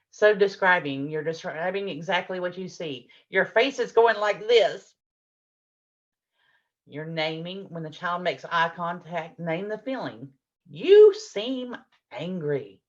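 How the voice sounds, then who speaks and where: A woman's voice: on the low side, measured pace, lo-fi sound. A middle-aged woman presenting a parenting workshop, explaining with patient examples and acting out what adults and children say. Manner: warm explanatory, acts out adult and child lines.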